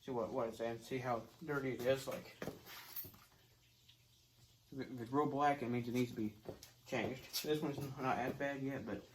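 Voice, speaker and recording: A young man giving a casual how-to to camera, halting as he searches for words. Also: medium pitch, steady tone. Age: young adult. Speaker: video host. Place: garage, phone on tripod a few feet away. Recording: clearly noisy garage phone recording.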